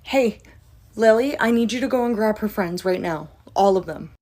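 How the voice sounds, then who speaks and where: A woman acting a caring female bartender in a skit, calm and firm. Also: mid-range voice, normal speed, natural voice. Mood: urgent. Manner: calm and firm under pressure.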